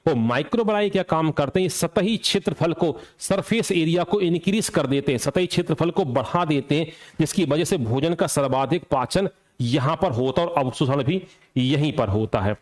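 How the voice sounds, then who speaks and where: A man with a slightly high voice gives an exam coaching lecture. He quizzes his students aloud, answers his own questions, and drills each point by saying it again. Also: moderate pace. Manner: repeats key points for drilling. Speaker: teacher.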